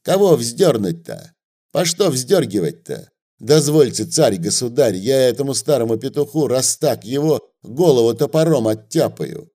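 A man's voice: medium pitch, very animated, moderate pace, dark tone. A man voicing a scruffy, eager male peasant with an axe who talks brashly.

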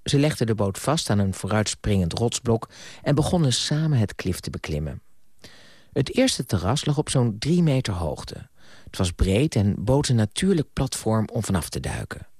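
A man narrating an audiobook in an expressive storytelling manner. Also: on the low side, no room sound, clean studio sound.

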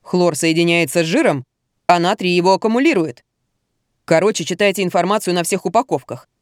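A woman voicing a calm middle-aged male doctor who explains things slowly and matter-of-factly. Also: fairly low pitch, no echo, clean studio sound, lightly acted. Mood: instructive.

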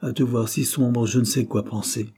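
A man voicing a gentle, self-sacrificing young peasant in an audiobook, speaking earnestly and pleading. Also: mid-range voice, fairly even intonation, moderate pace, breathy edge. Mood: pleading, sorrowful.

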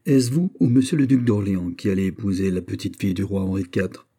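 A man reading aloud, voicing a calm, cold and proud young French nobleman in an audiobook. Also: sits low, fairly quick, slightly rough.

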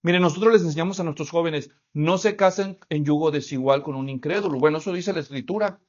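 A man's voice: on the high side, quick pace, darkish tone, dull audio. A man preaching a sermon as pastor, asking the congregation rhetorical questions and acting out little stories.

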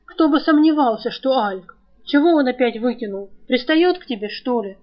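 A brash young thief, read by a woman narrator, gruff and mocking, always ready for a scuffle. The voice sits fairly high, and the storybook recording is slightly dull. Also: expressive, normal speed. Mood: quarrelsome. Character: young male thief Zhar, brash and quarrelsome.

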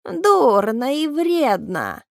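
A shaggy wild seer-creature with a thin, high, wailing voice. Every word is drawn out slowly and eerily, in a dry, close sound. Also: female voice, very animated, vocal fry, no echo, exaggerated voice. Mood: eerie. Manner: slow, high, wailing and hissing.

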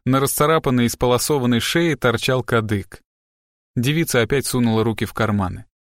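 A man reading an audiobook as narrator, in an even, measured style. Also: mid-range voice, no room sound, studio quality. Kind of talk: scripted narration.

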